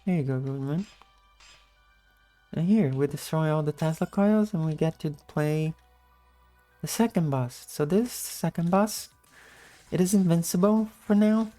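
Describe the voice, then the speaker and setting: A woman with a low-energy, just-woke-up morning voice giving a casual gameplay tutorial in commentary style. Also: unhurried, pauses often, dark tone, faint music behind. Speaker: video game guide narrator.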